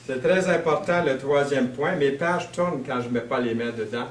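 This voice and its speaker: A man from Quebec with a Québécois French accent preaches a sermon in a relaxed, storytelling style, using fillers and slow emphasis. His voice sits at medium pitch with slight background noise. The mic is distant, giving a roomy sound.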